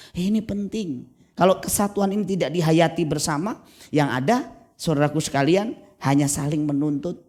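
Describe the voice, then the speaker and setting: A man preaching a sermon as pastor at a church service, telling stories with lively energy and acting out the voices of husbands and wives. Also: fairly high pitch. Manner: lively storytelling, acts out spouses' voices.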